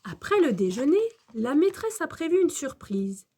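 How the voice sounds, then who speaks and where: A woman storyteller reading a children's storybook aloud in a slow, gentle manner. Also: high-pitched, very animated.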